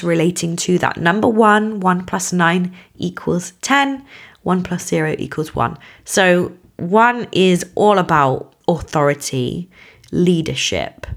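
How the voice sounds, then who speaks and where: A woman podcast host with a croaky voice, speaking directly to the listener in an earnest, emphatic and reassuring spiritual teaching monologue. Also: fairly low pitch, a bit bright.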